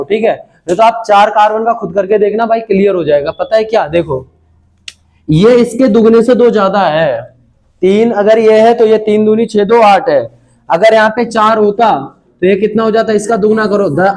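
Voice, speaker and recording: A man's voice: high-pitched, darkish tone. A young man teaching a chemistry class online, chatty and repetitive, constantly asking students questions and calling them brother.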